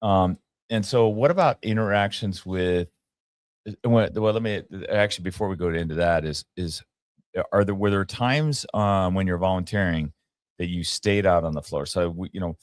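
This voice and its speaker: A man's voice: deep voice, moderate pace, no room sound, clean studio sound. A man hosting a casual podcast chat, telling rambling stories with frequent laughs and restarts. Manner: rambling storyteller, laughs often, many restarts. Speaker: podcast host.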